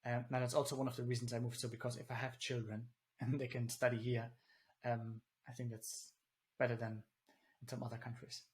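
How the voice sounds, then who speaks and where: Living in the Netherlands, this German-born native German speaker chats casually as an interview guest over a video call, rambling with plenty of fillers and restarts. His voice is medium-pitched, level, and darkish, a little fast with hardly any pauses.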